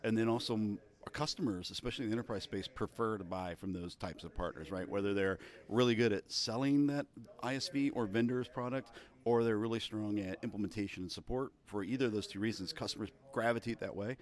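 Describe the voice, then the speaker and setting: A man being interviewed at a busy conference, explaining things in a measured way with business jargon. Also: lowish voice. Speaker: interview guest, product marketing director.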